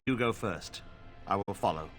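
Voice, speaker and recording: An actor playing a solemn, devout male companion in a fantasy game, speaking gravely and formally. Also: lowish voice, moderate pace, a bit bright, soft background music, lightly acted.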